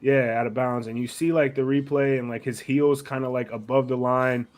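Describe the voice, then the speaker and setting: Hoarse, raspy man talking sports in slang. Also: mid-range voice, fairly even intonation, normal speed, a little mellow. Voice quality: raspy, rough voice. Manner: slangy, blunt, profane. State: hoarse, sick. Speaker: sports podcast co-host. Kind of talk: casual sports chat.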